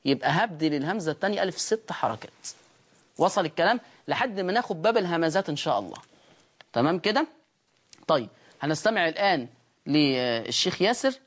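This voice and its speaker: A woman with an Egyptian accent teaching Quran recitation rules on a broadcast, explaining quickly and often checking whether her listeners follow. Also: mid-range voice. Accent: Egyptian Arabic.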